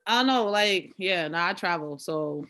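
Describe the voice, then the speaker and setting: A woman's voice: lowish voice, lively intonation, moderate pace, fairly bright tone. A young woman guest chatting casually in an interview, with many fillers. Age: young adult.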